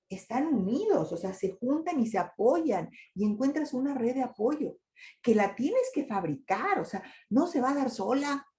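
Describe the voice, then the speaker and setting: Older woman lecturing, mellow and echoey. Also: medium pitch. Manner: conversational, asks the audience rhetorical questions. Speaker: lecturer on migration and grief. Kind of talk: presentation to an audience with slides.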